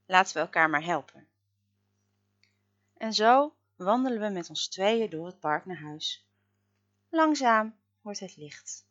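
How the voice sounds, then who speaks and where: Lowish-voiced woman narrating a dramatic story. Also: highs cut off. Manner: dramatic, swinging between loud outbursts and hushed murmurs. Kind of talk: first-person story narration.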